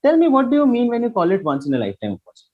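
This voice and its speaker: A man's voice: very high-pitched, wildly swooping pitch, racing, phone-quality sound. A man with an Indian accent hosting a conversational entertainment interview, putting questions to a guest. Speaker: interview host.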